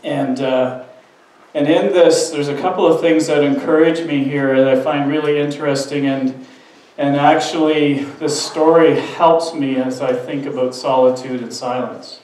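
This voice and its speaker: A man's voice: on the high side, fairly even intonation, unhurried, a little mellow. A man giving a sermon as pastor, talking earnestly and conversationally, often restarting his sentences. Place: church sanctuary. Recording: very echoey room, mic at a distance.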